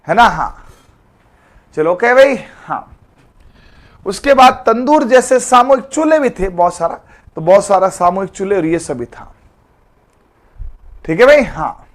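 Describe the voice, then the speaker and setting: High-voiced chatty male teacher. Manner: chatty, calls students beta, jokey memory tricks. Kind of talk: live online exam-prep class.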